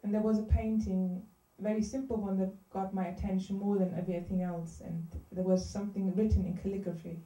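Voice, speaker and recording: Dark-toned woman interpreting in a hall. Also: mid-range voice, level tone, a little fast, hardly any pauses, muffled recording. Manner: plain retelling with small self-corrections. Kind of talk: consecutive interpretation of a sermon. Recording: roomy hall, distant mic.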